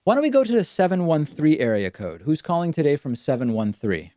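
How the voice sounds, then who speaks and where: A man's voice: on the high side, big pitch swings, fairly quick, dark tone, no echo, clean studio sound. A man hosting a call-in show, giving unscripted political commentary in an explanatory, matter-of-fact way.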